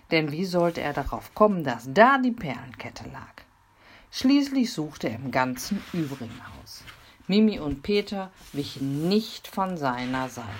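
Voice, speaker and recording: A woman reading a children's story aloud in a low, dark voice. Her pitch rises and falls dramatically as she plays up every turn. The delivery is expressive and theatrical throughout. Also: a little hiss or hum.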